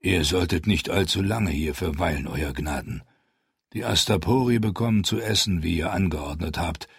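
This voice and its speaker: A man doing a low, cautious old knight. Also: creaky, husky, dry recording, studio quality, full character voice. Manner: low, measured and respectful. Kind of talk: audiobook character voice.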